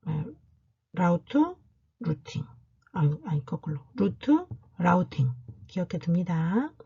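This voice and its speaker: A woman's voice: fairly low pitch, big pitch swings, takes it slowly, dark tone, slightly rough, muffled recording. A woman university lecturer giving a recorded classroom lecture, explaining step by step and asking and answering her own questions.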